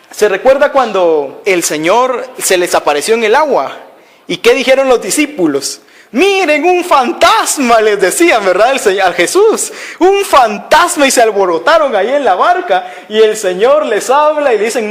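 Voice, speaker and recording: A man preaching a sermon, telling a story and asking his listeners rhetorical questions again and again. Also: high voice. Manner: acts out voices of people in the story.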